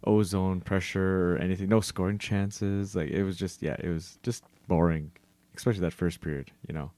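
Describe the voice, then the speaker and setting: A man with a deep voice co-hosts a sports podcast. He talks in a loose, conversational style, recorded dry without room echo. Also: steady tone, normal speed, dark tone. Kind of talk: casual hockey chat.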